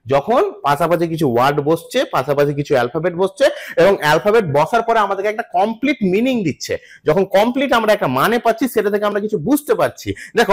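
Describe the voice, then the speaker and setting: A young male teacher with a Bengali accent, giving an exam-prep lecture with patient explanation, repeated key terms and rhetorical questions. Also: sits high. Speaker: English teacher.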